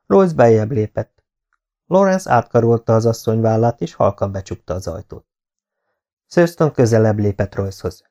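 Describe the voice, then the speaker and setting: A man reading a historical romance novel aloud in a calm, measured way, as an audiobook narrator. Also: fairly low pitch. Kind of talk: scripted narration.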